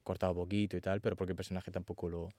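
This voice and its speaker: Man, fairly low voice, animated storyteller, dry close sound. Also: very fast, no room sound. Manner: animated storytelling, acts out quotes. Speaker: actor guest. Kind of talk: casual interview chat.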